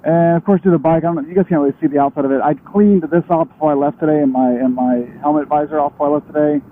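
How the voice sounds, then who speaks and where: Riding his motorcycle, a young male vlogger chats in a loose, conversational way, cutting himself off as he goes. His voice is on the high side, steady in tone and quick, and the helmet mic leaves it muffled and thin, almost like a radio.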